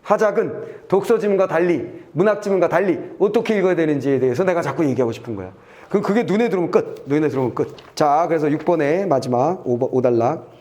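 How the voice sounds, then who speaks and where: A male Korean exam-prep teacher walking students through a test passage, reading lines aloud and checking in with quick asides that trail off low. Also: darkish tone. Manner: brisk and chatty, reads aloud then checks "됐지?" and trails off low.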